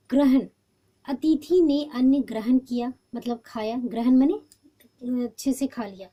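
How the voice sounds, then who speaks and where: High-voiced woman teaching a lesson. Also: mellow. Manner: patient, with many fillers and restarts. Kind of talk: explaining a textbook lesson.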